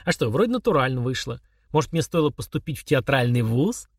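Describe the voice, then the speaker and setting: A man voicing a calm, mocking young man who chats casually while confessing murder to his father. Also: mid-range voice, fairly quick, breathy edge, no room sound, studio quality. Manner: chummy, sneering, confessional tone.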